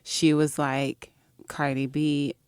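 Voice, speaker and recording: A woman co-hosting an entertainment podcast, reading promos in a measured way and chatting about celebrities. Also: low voice, flat delivery, a little mellow, smooth, dry recording. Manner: reads show promos in a measured way. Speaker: podcast co-host. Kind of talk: casual podcast chat.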